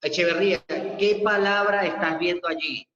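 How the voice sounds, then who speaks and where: Male teacher, online class, slow methodical delivery, dull boomy reverb. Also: steady tone, pushed and bright. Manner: slow, methodical step-by-step explaining. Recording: echoey dull lo-fi room audio.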